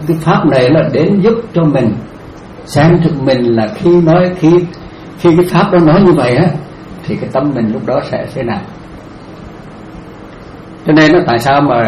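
A male Buddhist monk giving a dharma talk, answering a question gently, repeating his phrases and laughing now and then. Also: medium pitch. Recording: echoey room, faint noise.

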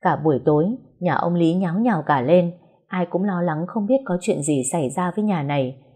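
A woman narrating an audio story in a calm, even manner. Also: fairly low pitch, brisk, husky.

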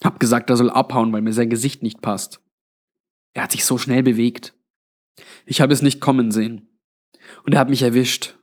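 A man with a mid-range, near-everyday voice plays a tired, blunt old undead figure with a grave, resigned manner in a narrated tale of grave recollection. He speaks flatly at a moderate pace, pausing often.

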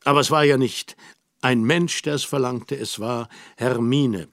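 A man calmly narrating a literary audiobook in a measured, storytelling manner. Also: mid-range voice, dry recording, studio quality.

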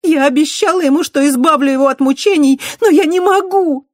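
A distraught young woman on the verge of tears, her voice pitched well above the reader's own and pushed loud, almost shouting, as an audiobook reader puts her on. The sound is close and dry, with no room around it. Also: a little fast, dry recording, natural voice. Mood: frantic. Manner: loud, high, near shouting.

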